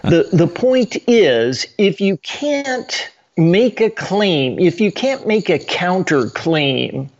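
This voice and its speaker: A man speaking as a guest on a political radio show, halting and stuttering with many restarts. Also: high-pitched, very animated. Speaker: state senator, radio guest. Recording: muffled lo-fi line.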